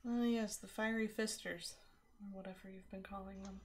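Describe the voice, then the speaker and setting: Woman gamer, medium pitch, informal table talk during a role-playing session. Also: steady tone, moderate pace, breathy edge. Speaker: tabletop game player. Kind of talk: casual game chat.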